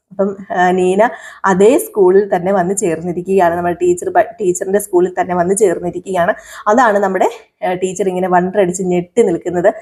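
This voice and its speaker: A woman's voice: mid-range voice, darkish tone. A woman casually retelling a TV serial episode for her viewers, chatty, speaking straight to them and often correcting herself as she goes. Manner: chatty, addresses listeners directly, frequent self-corrections.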